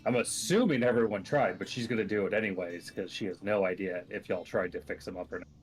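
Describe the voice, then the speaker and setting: A man with a lowish voice playing a tabletop game. He talks in a rambling, hesitant way, full of fillers, while faint guitar music plays behind him. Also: fast talker. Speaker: player. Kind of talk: casual tabletop play.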